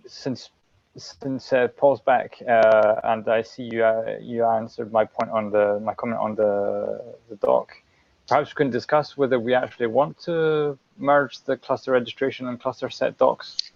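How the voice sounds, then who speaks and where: Gravelly man heard over a video call. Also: mid-range voice, steady tone, a little mellow, no room sound. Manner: halting, with many restarts and fillers. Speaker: meeting participant. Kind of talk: casual technical meeting discussion. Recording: dull, lo-fi video call audio.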